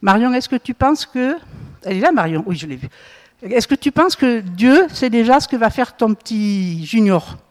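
A woman's voice: a little high, lively intonation, normal speed. Woman leading Bible study in echoey hall. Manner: asks the group questions, frequent tag "hein?" and "hmm?". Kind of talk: interactive Bible teaching. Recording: long reverb in a hall.

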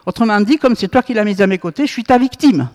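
Woman acting out Adam, blame-shifting first man, pitched up a touch, hall reverb. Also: fast, darkish tone, close to an everyday voice. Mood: whiny. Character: Adam, first man, blaming and self-pitying.

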